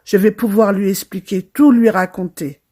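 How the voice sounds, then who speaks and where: A young woman narrating a first-person horror storytime, with a dramatic and lively delivery. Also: mid-range voice, moderate pace. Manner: dramatic, lively retelling with quoted voices.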